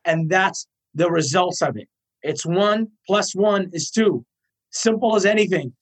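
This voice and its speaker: A man in his thirties from Iraq answers interview questions with earnest force, stacking his points one after another. His voice sits a little high for a man. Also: unhurried. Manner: earnest, emphatic, repeats points in lists. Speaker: guest.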